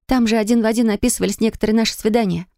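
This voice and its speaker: A woman's voice: on the high side, steady tone, rapid-fire, darkish tone, no room sound, studio quality, pitched above the performer's own voice, lightly acted. A woman voicing a hurt, defiant young pregnant wife who talks in a bitter, reproachful way. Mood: wistful.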